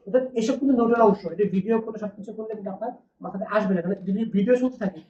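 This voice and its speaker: Her voice is on the high side and mellow as she lectures a class, frequently asking a question and then supplying the answer herself. The classroom recording sounds distant, dull, and roomy, with a faint hiss or hum.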